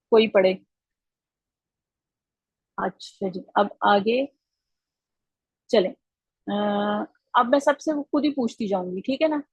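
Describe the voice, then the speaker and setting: Patient teacher with a husky voice. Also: female voice, a little high, no room sound, low-quality recording. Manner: patient, encouraging, repeats answers. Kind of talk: online class teaching.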